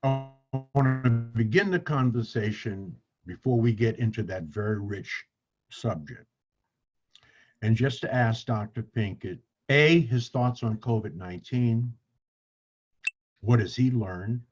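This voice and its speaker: Gushing husky-voiced man hosting. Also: medium pitch, measured pace, darkish tone, muffled recording, soft background music. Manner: gushing, repeats words for emphasis. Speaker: podcast host. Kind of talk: effusive guest introduction.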